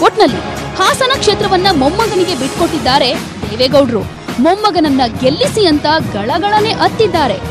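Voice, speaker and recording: A woman's voice: very high voice, big pitch swings, fairly quick, over loud music. A woman reporter with a Kannada accent reading a scripted news voice-over with dramatic, punchy delivery.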